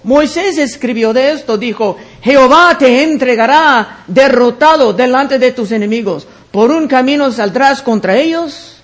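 A man teaching the Bible verse by verse. He reads each passage aloud and then explains it in a deliberate way. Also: extremely high pitch.

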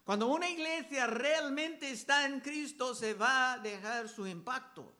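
A man preaching a sermon, reading scripture verses aloud and explaining them slowly and deliberately. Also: extremely high pitch. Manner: slow, deliberate delivery, raising voice for quoted crowd shouts.

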